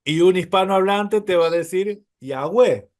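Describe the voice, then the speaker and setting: Slow-talking teacher man. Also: on the high side, lively intonation. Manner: explains patiently, checks understanding with frequent "¿sí?"; addresses listeners as brothers. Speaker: Hebrew teacher. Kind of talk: classroom lecture on Hebrew.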